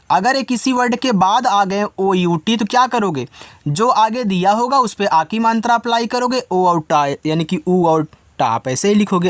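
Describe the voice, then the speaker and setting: A man's voice: sits high, no room sound. A man teaching English spelling and reading, patiently repeating each point and asking his students questions.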